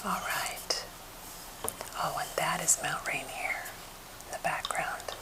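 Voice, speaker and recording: An American woman whispering softly and breathily in a gentle, unhurried ASMR chat, as for a finger-tapping video. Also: low voice, steady tone, rough recording. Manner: gentle, unhurried rambling storytelling. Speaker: ASMR creator showing wooden objects.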